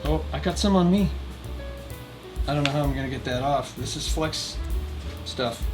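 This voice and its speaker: Over music, a man with a fairly high voice talks at a normal speed, hosting a DIY video channel. His narration is casual and folksy, dotted with wry asides to the viewer.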